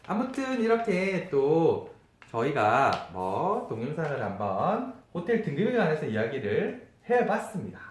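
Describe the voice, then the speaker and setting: A man with a nasal, stuffed-up voice explaining things informally like a travel YouTuber, often posing questions and answering them himself. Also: medium pitch. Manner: conversational teaching with rhetorical questions. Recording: echoey room.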